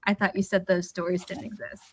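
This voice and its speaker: A woman guest in a casual chat, reacting quickly and laughing as she tells stories. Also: mid-range voice, level tone.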